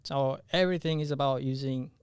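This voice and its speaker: On a podcast, a young engineering student talks in a brisk, smooth, mid-range voice with no echo. He is a native Spanish speaker from Honduras who relocated to the US at nine. His interview answers are casual, and he frequently searches for words.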